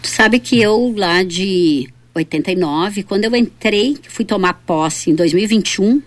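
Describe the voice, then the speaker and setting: Speaking in a mid-range voice at a slightly slow pace, this middle-aged councillor from Rio Grande do Sul looks back on the past in a laid-back conversation. Her tone is reflective, and her sentences often end with the question tag "né?".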